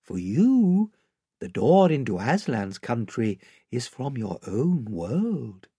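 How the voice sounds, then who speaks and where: A man voicing a small, serene lamb in a storybook, with a sweet, milky, raised voice and a slow, gentle manner. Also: medium pitch, sing-song, slightly rough, no room sound, exaggerated voice. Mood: serene, inviting.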